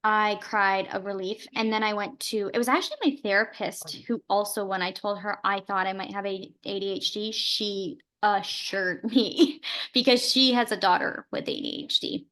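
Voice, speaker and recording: A woman co-hosting a podcast in casual conversation. She speaks openly and earnestly in long, winding stretches. Her voice sits at a middle pitch. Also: moderate pace, a bit bright. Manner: earnest, open, talks in long rambling runs. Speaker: podcast co-host. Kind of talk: casual chat.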